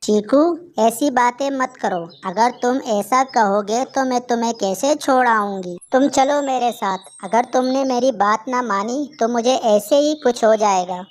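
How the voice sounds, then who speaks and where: A woman voicing a tender, ailing mother kite bird in a cartoon, speaking gently and protectively. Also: a little high, measured pace, few pauses, close to an everyday voice. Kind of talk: Hindi cartoon voice acting.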